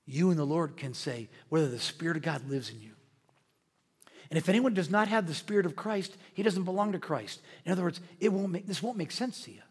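A man preaching a sermon as pastor, swinging between loud, riled-up delivery and hushed, quiet asides. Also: a little high, lively intonation, fairly quick, husky. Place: church sanctuary. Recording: long hall reverb.

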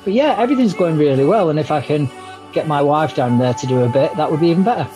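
A man's voice: a little high, expressive, quick pace, music in the background, rough recording. A man co-hosting a podcast, full of cheerful, self-mocking banter. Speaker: podcast co-host. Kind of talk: casual chat.

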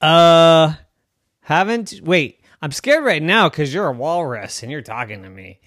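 A scared, confused little girl, as a man puts her on for a bedtime story, squeaky and flustered. Her voice leaps up and down and is recorded close and dry. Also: lively intonation, measured pace, fairly bright tone, no echo.

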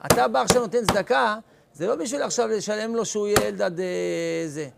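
A man's voice: high voice, creaky, background noise. A man, a rabbi, teaching students in an informal class, calling on them by name and acting out everyday scenes. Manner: lively, calls on students by name, acts out scenes.

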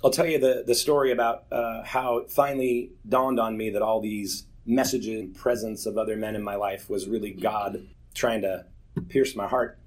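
His voice is on the low side, steady in tone and at a normal speed. A man in his forties, he's giving a church group an earnest and candid personal testimony, telling stories with self-deprecating humor.

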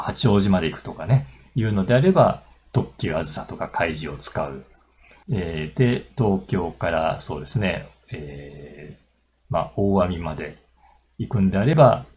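Low-voiced chatty man explaining rail travel tips. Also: a little mellow, dull audio. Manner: chatty, many fillers and tag particles. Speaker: railway travel channel host. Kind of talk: casual explanatory talk.

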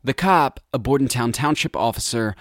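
A man in his twenties narrating a scripted documentary story in a measured, reflective way. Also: mid-range voice, a bit bright, no echo, clean studio sound. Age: 20s. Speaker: narrator and reporter.

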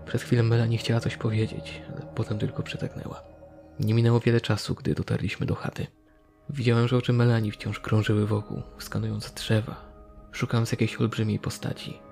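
A man narrating a first-person horror story in a measured, steady way. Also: lowish voice, vocal fry, faint music behind.

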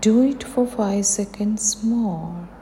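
A woman with an Indian accent leads a guided meditation, offering soothing instructions in short phrases. Her voice is warm, medium-pitched and slow, recorded with long hall reverb and faint background noise.

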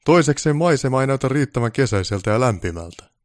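A man's voice: medium pitch, expressive, dry recording, clean studio sound, pitched above the performer's own voice, lightly acted. A man voicing a pompous, snobbish male film director who barks orders in a haughty, raised voice.

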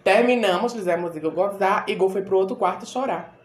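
Animated woman telling stories. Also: mid-range voice, a little fast. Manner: animated, acts out quoted voices. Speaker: podcast host. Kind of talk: casual storytelling chat. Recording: roomy echo.

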